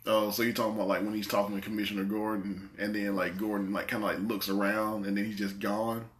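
A man's voice: on the low side, flat delivery, fast talker. A man hosting a casual movie podcast, rambling and repeating his words as he talks. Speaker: podcast host. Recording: echoey room.

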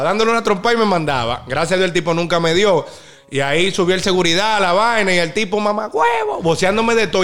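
A young man with a Dominican accent, co-hosting a podcast, tells stories in a casual, animated way and acts out the voices in them. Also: sits high. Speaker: podcast co-host. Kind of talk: casual storytelling chat.

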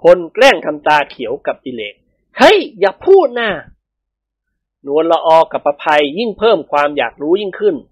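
A woman narrating a humorous novel as an audiobook in a lively storytelling manner. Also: deep voice, quick pace, few pauses, husky, no echo, muffled recording.

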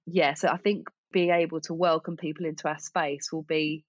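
A woman from Essex, England, with a deep voice and flat delivery, speaks at normal speed as a podcast guest who runs a small business. Her interview chat is casual, informal and self-deprecating, in an Essex accent. The audio is dull but has no echo.

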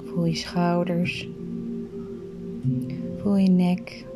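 Soft-spoken woman guiding a slow meditation. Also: on the low side, little pitch movement, loud music behind the voice. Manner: slow, soft, soothing, often breathy whisper. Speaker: meditation guide. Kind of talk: guided meditation.

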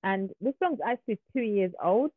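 A musician guest from Uganda with a British accent joins a casual interview chat by video call, so the audio is tinny and phone-like, with no room sound. Candid and quick to laugh, she has a mid-range voice with lively intonation at a moderate pace.

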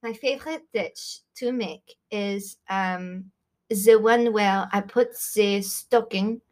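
A woman voicing a brash foreign female chef with a heavy put-on accent, who talks haltingly and rudely. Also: medium pitch, darkish tone, lightly acted. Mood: boastful. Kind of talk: improvised comedy sketch.

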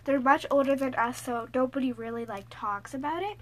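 A woman's voice: high voice, fairly quick. A teenage girl co-hosting a podcast, chatty, giggly and teasing, recorded inside a small closet full of clothes. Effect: recorded inside a small clothes-stuffed closet. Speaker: podcast co-host. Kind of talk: casual chat.

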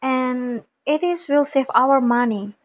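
A woman's voice: high voice, takes it slowly. A young woman with an Indonesian accent playing an eager friend in a recited English dialogue about plans with friends, speaking carefully. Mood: earnest. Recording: muffled lo-fi recording.

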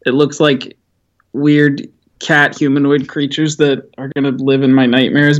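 A man's voice: medium pitch, fairly bright tone. Giggly male guest with dull lo-fi sound. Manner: laughs often, many ums and restarts. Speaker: podcast guest. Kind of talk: casual chat.

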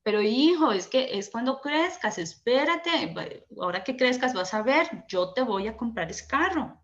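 A woman's voice: a little high, expressive, a little slow, muffled recording. A woman voicing a father who soothes his son and promises to buy him a car. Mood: reassuring. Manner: soothing, reassuring.

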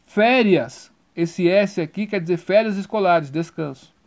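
A man's voice: high-pitched, unhurried. A man teaching a grammar lesson, spelling out letters and repeating each rule.

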